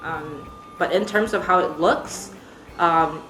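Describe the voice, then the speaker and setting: A woman's voice: on the low side, slow, background noise. Chatty young woman with an American accent. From Singapore. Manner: chatty, laughs easily, many ums. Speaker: interviewee, baker. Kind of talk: casual interview answers. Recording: echoey room with music behind.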